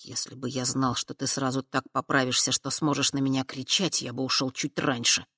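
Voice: medium pitch, steady tone, moderate pace, dry recording, lightly acted. Brief: reader voicing a young man, curt, cold, resentful; dry sound. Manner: clipped, cold delivery. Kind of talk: audiobook character voice.

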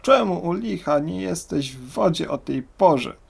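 Man putting on a big wary hippo from a storybook, booming, slow. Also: animated, gravelly, husky, full character voice. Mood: suspicious. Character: large suspicious hippopotamus.

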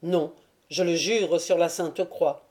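A woman reading a young Cossack, urgent and loud. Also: lowish voice, steady tone, slow, slightly rough. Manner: loud, pressing questions.

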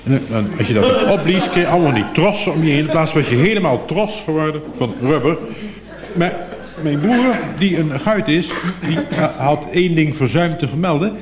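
A man's voice: on the high side, animated, normal speed, a crowd in the background. A man telling a comic monologue in a droll, mock-formal way, heard on an echoey, noisy archive recording. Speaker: comic storyteller.

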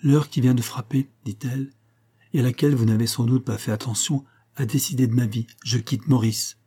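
A man reading the lines of a resolute young wife in an audiobook, earnest and measured. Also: mid-range voice, steady tone, dark tone, breathy edge. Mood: earnest, firm.

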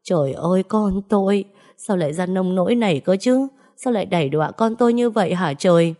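A woman's voice: medium pitch, brisk, warm tone, natural voice. A woman voicing a grieving elderly mother who scolds her runaway son, wailing in reproach. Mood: distraught.

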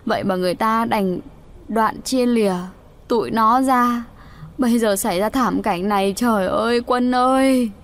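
A woman's voice: on the high side, moderate pace, lightly acted. Woman voicing a wailing, accusing village mother. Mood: grieving. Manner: wailing, reproachful.

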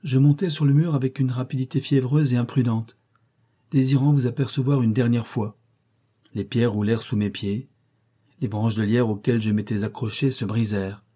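A man voicing an anxious young woman governess in an audiobook reading of a classic novel, measured and solemn. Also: mid-range voice, dark tone, husky, natural voice.

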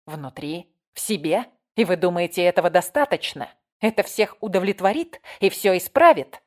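A woman reading an audiobook voices a desperate, vengeful armed man with harsh, loud demands. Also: on the low side, expressive, normal speed, natural voice. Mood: furious demanding. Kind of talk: audiobook character voice.

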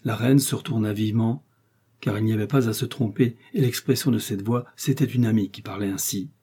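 Guy reading an audiobook, steady and measured, mellow husky voice. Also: lowish voice. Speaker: audiobook narrator. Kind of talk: scripted narration.

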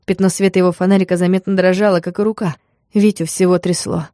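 An audiobook narrator, a woman, reads scripted narration in an even, measured manner. Her voice is on the low side, and the audio is studio quality with no room sound.

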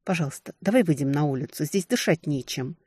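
A woman's voice: low-pitched, expressive, a little fast, darkish tone, breathy edge, no echo, clean studio sound. A woman voicing an exhausted young woman who pleads weakly in an audiobook. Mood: pleading. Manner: weak, pleading.

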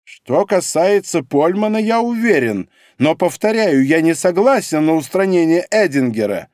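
A man voicing a shrill, jealous older German professor in an audiobook, squealing and high-strung. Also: big pitch swings, normal speed, a little mellow, no room sound, studio quality. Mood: agitated. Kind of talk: audiobook character reading.

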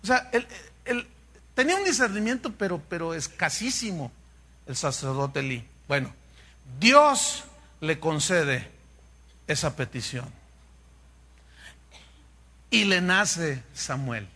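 A man's voice: fairly high pitch, slow, long pauses. A man preaching a sermon, telling a Bible story with humor and acting out the dialogue. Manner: animated, humorous, acts out dialogue. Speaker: pastor.

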